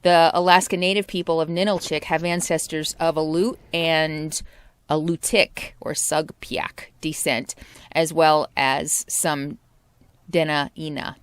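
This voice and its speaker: An RV travel vlogger talks casually to camera outdoors, chatting and reading out local history with small stumbles. Her voice is low-pitched with little pitch movement, and she takes it slowly; the tone is clean with no echo.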